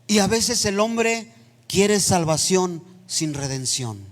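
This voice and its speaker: A man preaching a sermon in a church, building into impassioned, near-shouted passages. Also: high voice, lively intonation, slow. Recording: long reverb of a church hall.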